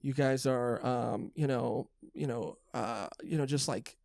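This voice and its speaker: A man's voice: mid-range voice, unhurried, creaky, darkish tone, dry recording. Male podcast host, loose filler-heavy delivery, dry close mic. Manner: rambling, filler-heavy, friendly thanks. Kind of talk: casual podcast chat.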